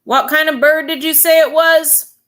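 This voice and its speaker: A woman voicing a puzzled, good-natured male policeman in a children's story, speaking loudly and easily. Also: high-pitched, fairly even intonation, normal speed, voice pushed up.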